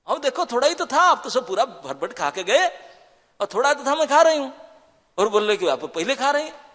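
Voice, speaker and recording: A man's voice: very high-pitched, very animated, moderate pace, a bit bright, in a large hall, voice pushed up, exaggerated voice. A man voicing an earnest young wife who insists and pleads as she explains herself. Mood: insistent.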